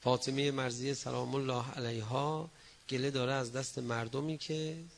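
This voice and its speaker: Gravelly preacher man exhorting. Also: fairly even intonation. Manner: exhorting, swinging between loud emphasis and low asides; acts out quoted people in a raised voice. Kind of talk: religious sermon.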